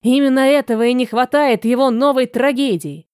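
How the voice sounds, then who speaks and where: A woman narrating a fantasy audiobook in an expressive, measured way. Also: high-pitched, clear, resonant tone, no room sound, clean studio sound.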